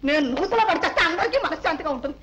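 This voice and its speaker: A high, very rapid voice: a nagging mother who fires off sarcastic jabs. The delivery is old-film dramatic. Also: expressive, a bit bright, a little hiss or hum. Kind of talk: 1960s film acting.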